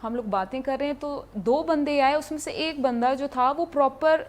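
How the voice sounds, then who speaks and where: High-voiced woman telling a lively story. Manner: lively, animated anecdote telling. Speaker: martial arts athlete guest. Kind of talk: casual interview storytelling.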